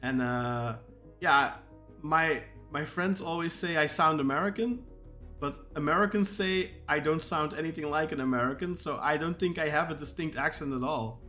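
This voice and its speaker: A man's voice: on the high side, normal speed, pushed and bright, soft background music. A man from Belgium, a Dutch speaker talking in English as a podcast co-host and football writer, rambling and repeating words as he goes. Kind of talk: casual podcast chat.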